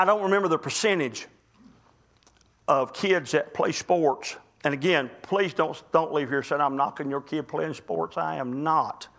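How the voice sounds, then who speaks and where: A man preaching a sermon as pastor, emphatic, swinging between loud urgent pleading and low quiet asides. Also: vocal fry.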